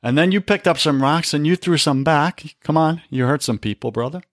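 A man's voice: fairly high pitch, brisk, no room sound. Preachy guy on a faith podcast, keeps saying brother, dry close sound. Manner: preachy, emphatic, calls listener brother. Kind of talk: faith-based podcast talk.

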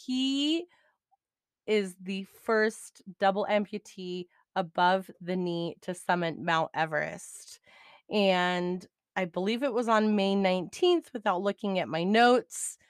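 A middle-aged woman hosting a podcast, chatting excitedly and laughing easily as she recaps. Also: medium pitch, slow, clean tone, no room sound, studio quality. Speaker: podcast host.

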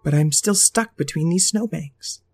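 A woman's voice: sits low, a little slow, darkish tone, slightly rough, faint music behind, exaggerated voice. A woman voicing a small, childlike magic wand, fretful and pleading in a storybook reading.

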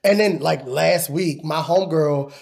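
A man in his thirties with a hoarse smoker's rasp, co-hosting a podcast and telling stories in slangy, playful casual chat. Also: fairly high pitch, a little slow, darkish tone. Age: 30s. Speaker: podcast co-host.

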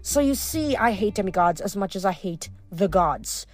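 A woman's voice: medium pitch, lively intonation, moderate pace, faint music behind, lightly acted. A woman voicing a spiteful, scheming sorceress queen who sneers and mocks. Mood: scornful. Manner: sneering, mocking, dismissive.

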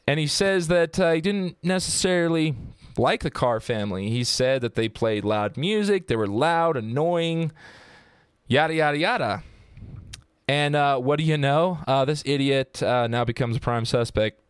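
A man's voice: medium pitch, expressive, moderate pace, smooth, no echo, clean studio sound. A man hosting a casual true-crime podcast, telling the story in a joking, profane and rambling way. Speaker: podcast host.

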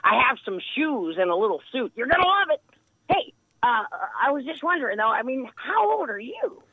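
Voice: high voice, big pitch swings, fairly quick, husky, no room sound, phone-quality sound, full character voice. Someone doing Aunt Agnes, a bawdy cackling old lady. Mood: flirty. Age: 60s.

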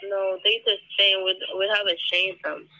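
A woman working as a restaurant manager, heard over a phone speaker and giving brief, flat answers. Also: medium pitch, a little slow. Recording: dull distant phone line.

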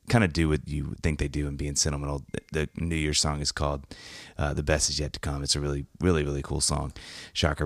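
With a very deep, slightly bright voice and no room sound, a man kicks off his podcast with a casual monologue intro. He rambles and jokes, tossing in self-mocking asides, and a cold leaves him a bit scratchy.

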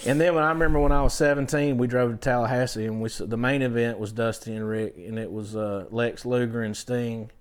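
A man's voice: medium pitch, steady tone, fairly quick, few pauses, smooth. A man in his fifties, a songwriter guest, telling stories in a rambling way full of fillers and restarts. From southern Georgia, US. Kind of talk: casual storytelling chat.

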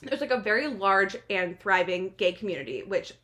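A woman in her late twenties from New Jersey with an American accent, chatting casually as a podcast guest in an animated, wry, self-deprecating way. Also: medium pitch, moderate pace. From New Jersey, United States. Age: late 20s. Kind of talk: casual interview chat.

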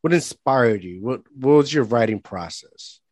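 A man interviewing a singer, asking halting questions with many restarts and affirming his answers. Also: medium pitch, animated, darkish tone, no echo. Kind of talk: casual interview chat.

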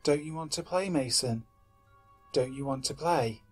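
Man reading sinister child-thing, low-key, hushed and coaxing. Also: measured pace, breathy edge, soft background music. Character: eerie childlike creature begging entry, boy.

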